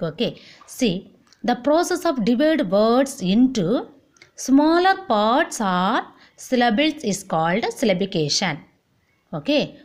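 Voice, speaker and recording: A woman with an Indian English accent teaching an online vocabulary lesson, repeating words slowly and saying "okay, see" often. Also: a little high.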